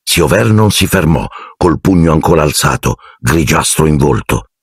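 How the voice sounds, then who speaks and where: A man reading an audiobook in a theatrical, expressive scripted narration. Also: a bass voice, moderate pace, husky, dry recording, clean studio sound.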